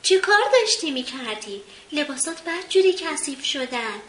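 A woman's voice: high voice, sharp tone. A woman voicing a busy mother who scolds with a raised voice, in a roomy recording with faint hiss. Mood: scolding.

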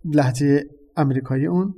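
Man, language lesson host, measured explanations, warm dark tone. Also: a little high, slightly rough.

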